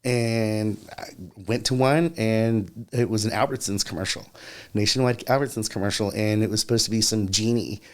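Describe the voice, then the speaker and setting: A man's voice: on the low side, moderate pace. A man, an actor, telling a long anecdote in a casual interview, full of "you know" fillers. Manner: animated anecdote-telling, acts out quoted voices. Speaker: actor guest.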